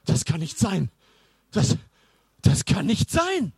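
Man doing a cheeky excitable boy, teasing, high bouncy voice, storybook. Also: a little slow, no echo, clean studio sound. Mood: shocked. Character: cheeky village boy, bold then scared.

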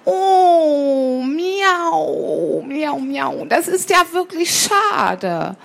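A woman's voice: high-pitched, big pitch swings, extremely slow, creaky, voice pushed up, exaggerated voice. A woman reading a children's story aloud and voicing a sly, lying female cat who coaxes and meows. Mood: coaxing. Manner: coaxing, purring with meows. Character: sly sweet-talking female cat, a liar.

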